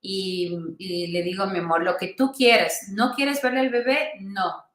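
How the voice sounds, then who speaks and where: A woman doctor being interviewed, telling a patient's story in an earnest, tender way with pauses and restarts. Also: medium pitch, steady tone, a bit bright, reverberant.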